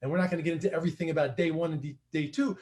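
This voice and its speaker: A man's voice: a little high, fairly even intonation, racing, darkish tone. A man coaching fellow practitioners in a casual livestream discussion, talking emphatically and repeating his key points.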